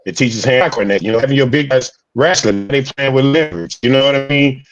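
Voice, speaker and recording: A man talks in a loose, chatty way over a video call whose connection keeps breaking up. His voice comes through muffled and dull, the audio glitching as the internet struggles. His pitch sits in an ordinary middle range. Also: fast, dry recording. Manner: laid-back, loose and chatty. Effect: voice breaking up over a bad internet connection. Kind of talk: casual chat.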